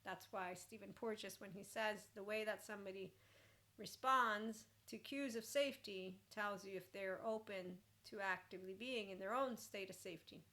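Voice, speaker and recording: Bright-voiced woman, informal blunt mentor. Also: medium pitch, steady tone, normal speed. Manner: informal, blunt, swears casually. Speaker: mentor and host. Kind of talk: informal rambling mentoring talk.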